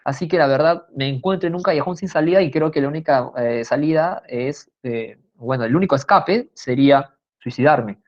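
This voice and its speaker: A woman's voice: deep voice, moderate pace, hardly any pauses, lightly acted. A woman voicing a desperate, lovesick young man who pleads in a slightly raised voice, in a dull lo-fi recording. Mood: despairing.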